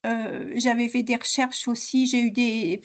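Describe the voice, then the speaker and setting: Hesitant high-voiced woman client. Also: steady tone. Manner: halting, hesitant, many fillers and restarts. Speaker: hypnosis session client. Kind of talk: recounting personal experiences in a session.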